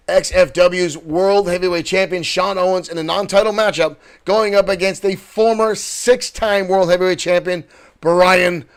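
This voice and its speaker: This man calls a digital wrestling show with excited play-by-play, his high, gravelly voice breaking into shouts at key moments as it gives out on him.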